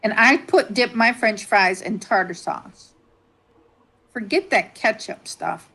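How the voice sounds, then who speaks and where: A woman's voice: mid-range voice, animated, takes it slowly, sharp tone, husky, rough recording. A woman, chatting casually as a guest and laughing often. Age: 50s. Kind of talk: casual chat.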